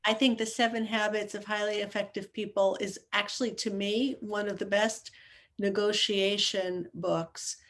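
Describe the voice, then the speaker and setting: Flat-voiced woman lawyer, measured. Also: mid-range voice. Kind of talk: casual chat.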